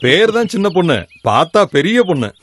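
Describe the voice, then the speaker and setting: A man's voice: sits high, very animated, a little fast, noisy background. An actor playing an older village father who arranges his daughter's marriage in a genial, persuasive way. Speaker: bride's father. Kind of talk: film acting.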